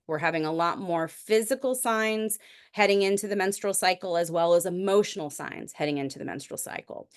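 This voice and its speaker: A middle-aged woman physician giving a lecture in a conversational, explanatory way, with frequent restarts. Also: mid-range voice. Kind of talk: recorded medical lecture.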